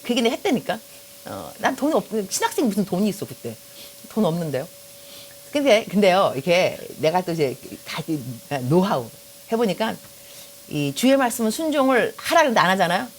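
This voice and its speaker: Preaching to her congregation, a middle-aged Korean woman pastor tells lively, joke-filled stories and speaks to the audience head-on. Her mid-range voice moves fairly quickly, and the recording has a little hiss or hum.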